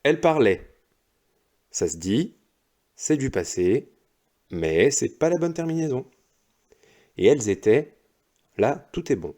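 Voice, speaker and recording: A male primary school teacher going over exercise answers slowly and patiently, one step at a time. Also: mid-range voice, big pitch swings, dark tone. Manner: slow, patient, explains step by step. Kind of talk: recorded lesson correcting exercises.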